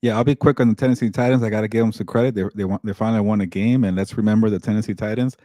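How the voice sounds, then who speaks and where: A man's voice: on the low side, fairly even intonation, warm tone, dry recording, clean studio sound. A man co-hosting a sports podcast, giving blunt, opinionated takes in casual talk. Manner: blunt, opinionated, fast-talking. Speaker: podcast co-host.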